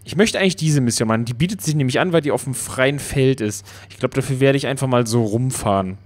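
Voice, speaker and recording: A man casually commenting on his own gameplay, playful and excitable, talking back to the game. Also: mid-range voice, quick pace. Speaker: Let's Play commentator.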